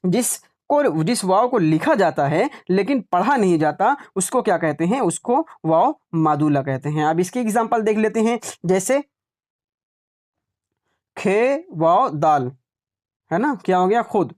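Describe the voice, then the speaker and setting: A man teaching an online Urdu exam class, repeating example words slowly and checking in with "right?" as he explains. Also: high voice, animated, a little mellow.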